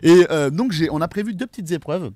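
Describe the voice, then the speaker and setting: Young guy hosting a podcast, rattles on super fast, dry close sound. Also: a little high, expressive, a little mellow, dry recording. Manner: rapid, rambling with many fillers and restarts. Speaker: podcast host. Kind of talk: casual roundtable chat.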